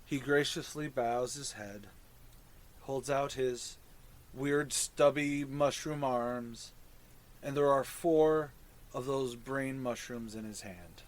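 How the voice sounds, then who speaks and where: A man's voice: medium pitch, slow pace. A man casually narrating a tabletop fantasy game as the dungeon master and host.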